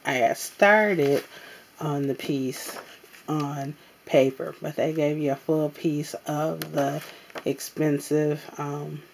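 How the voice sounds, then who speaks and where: A woman casually showing off her craft supply haul at a table, talking in an unhurried way with many ums and pauses. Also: sits low, vocal fry, darkish tone, slight background noise. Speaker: crafting vlogger. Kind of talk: casual haul show-and-tell. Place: indoors at a tabletop.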